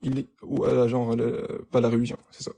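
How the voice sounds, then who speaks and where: A young man with a soft-edged, mellow voice argues in a casual live debate. His French is broken, with stammered repeats and frequent searching for the right word. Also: mid-range voice, level tone, brisk, creaky. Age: young adult. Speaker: debate participant, student.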